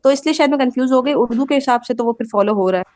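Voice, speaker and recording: A woman's voice: sits high, a little mellow, slight background noise. A woman, a student politely and hesitantly asking her teacher questions in an online class. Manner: polite, hesitant, thinks aloud.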